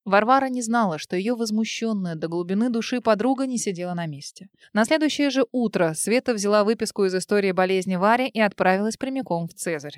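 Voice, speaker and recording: A woman reading a novel aloud in an earnest, expressive audiobook narration. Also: mid-range voice, dry recording. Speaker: audiobook reader. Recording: dry close studio sound.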